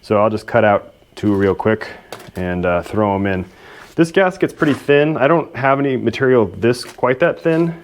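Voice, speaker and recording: A man's voice: mid-range voice, expressive, moderate pace. A man hosting a repair video, talking casually and self-deprecatingly as he works in a workshop. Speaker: host of a machinery repair video. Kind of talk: casual hands-on repair narration.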